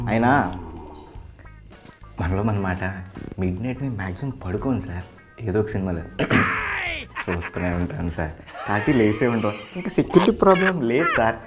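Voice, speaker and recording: A man's voice: mid-range voice, huge pitch swings, fairly quick, pauses often, faint music behind. A young man, a bachelor tenant, arguing his case to a house owner in a comedy sketch.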